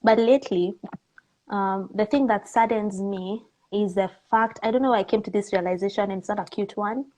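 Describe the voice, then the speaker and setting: Candid and expressive, a woman with a Kenyan accent chats informally as a guest in an interview. She speaks at a normal speed in a mid-range voice, and the recording is rough.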